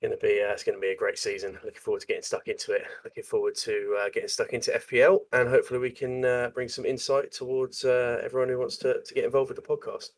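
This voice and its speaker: A man's voice: medium pitch, little pitch movement, quick pace, hardly any pauses, poor audio. A man with a Scouse accent, chatting casually on a podcast with a hesitant delivery full of fillers. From Liverpool, England. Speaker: podcast co-host.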